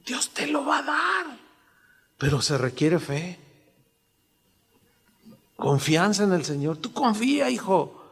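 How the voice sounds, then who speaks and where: A fatherly old patriarch, played by a preacher gives quiet, reassuring counsel to his son. His voice is fairly high, with a long hall echo around it. He speaks in a hushed, calm way. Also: slow pace, pauses often, breathy edge, exaggerated voice. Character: biblical patriarch Abraham, fatherly old man.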